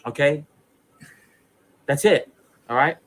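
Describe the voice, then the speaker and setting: With a crowd audible behind him, a New York City ex-mobster in his 30s speaks slowly in a slightly high voice. His video statement is a defiant personal monologue to camera, profane, boastful, blunt, and insistent.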